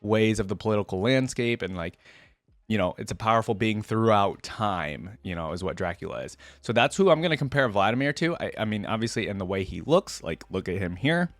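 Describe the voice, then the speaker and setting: Speaking on the low side, this man sounds animated and brisk in a dry recording. As host of a reaction video, he alternates reading text aloud with loose, meandering remarks, working through his thoughts aloud.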